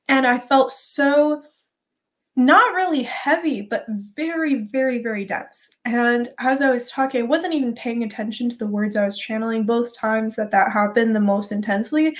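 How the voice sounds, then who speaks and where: A woman with a slightly high voice talks as a guest in a spiritual interview. She sounds earnest and stretches words for emphasis as she describes things in an unscripted way.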